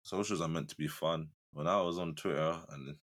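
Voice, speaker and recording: A man's voice: a bass voice, normal speed, fairly bright tone. A young man with a London accent, bantering on a casual podcast in a slangy, emphatic way. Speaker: podcast co-host.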